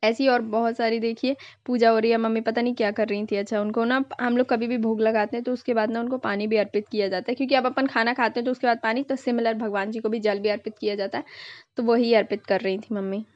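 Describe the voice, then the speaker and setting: A woman's voice: fairly high pitch, level tone, fast, darkish tone, no echo, dull audio. A young woman vlogger narrating her family's festival video in a casual, chatty way, dropping in English words now and then.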